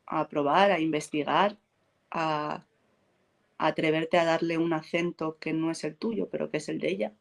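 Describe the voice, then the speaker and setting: This actress from Spain has a low, gravelly voice and talks at a normal speed during a relaxed interview. She's a lively storyteller who acts out what people said and laughs a lot.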